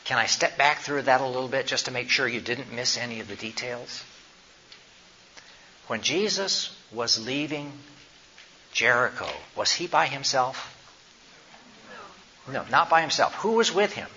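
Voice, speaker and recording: A man's voice: medium pitch, expressive, measured pace, long pauses, pushed and bright. A man presenting health education to a group, praying, telling a Bible story, and then quizzing his listeners with questions. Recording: slightly dull recording, faint noise.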